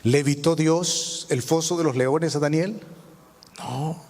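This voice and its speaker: A man's voice: on the high side, slow pace, darkish tone. A male pastor preaching a sermon, asking the congregation rhetorical questions. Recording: long hall reverb.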